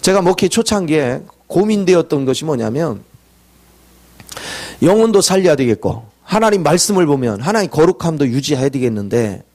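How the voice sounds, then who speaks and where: Male preacher, sermon, somewhat high voice, very lively pitch, acts out quotes. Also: moderate pace.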